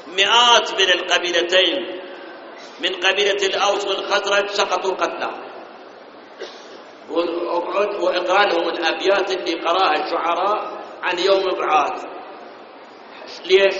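A man's voice: fairly high pitch, pushed and bright, a little hiss or hum. A man with an Iraqi Arabic accent delivering a storytelling sermon as a preacher, asking rhetorical questions, explaining scripture phrase by phrase and at times slipping into a sung, chanting delivery. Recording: reverberant hall, slightly dull sound.

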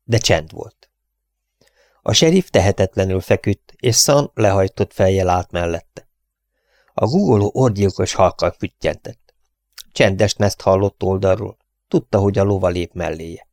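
A man reading an adventure novel aloud as an audiobook narrator, in a measured, dramatic storytelling manner. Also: low-pitched, a little mellow, dry recording, studio quality. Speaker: audiobook reader. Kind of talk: scripted narration.

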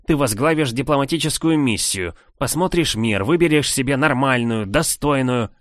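A man's voice: mid-range voice, animated, normal speed, no echo, pitched above the performer's own voice, natural voice. A man voicing an angry, domineering older king who scolds his nephew in a raised voice. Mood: indignant.

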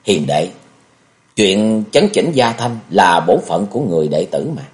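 A man voicing a calm, consoling elder sworn brother who speaks softly and hesitantly, in an audiobook reading. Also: sits low, a little slow. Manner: soft, hesitant, soothing.

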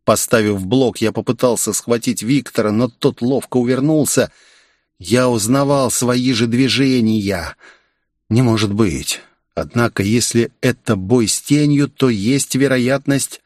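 A man reading a first-person action story in a steady, measured storytelling manner. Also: mid-range voice, dry recording, studio quality. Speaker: audiobook narrator. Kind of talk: first-person audiobook narration.

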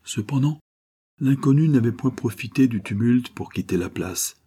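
A man narrating a classic novel as an audiobook, in a measured, literary reading. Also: medium pitch, dark tone, husky.

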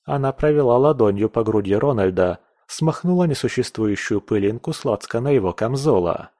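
A man reads an audiobook in a measured, even way, his voice sitting at medium pitch. It's scripted narration with clean studio sound and no echo.

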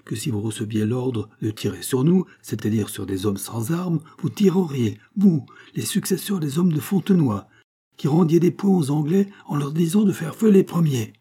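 A man voicing a hot-tempered farmer who rouses a crowd with loud, commanding shouts. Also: medium pitch, lively intonation, moderate pace, hardly any pauses, breathy edge, voice pushed up. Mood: fiery.

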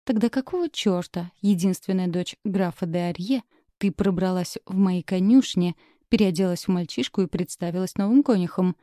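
A sarcastic, commanding young nobleman from a romance audiobook, as a woman narrator reads his lines. The voice is dark and mellow, recorded close and dry. He talks down to the listener with cold mockery. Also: on the low side, normal speed, no room sound, natural voice. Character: arrogant angry young male duke.

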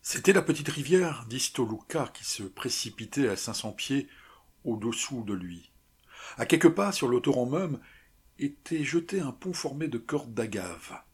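A man's voice: mid-range voice, expressive, a little slow, husky. A man narrating a classic novella as an audiobook, reading dramatically with strong emphasis.

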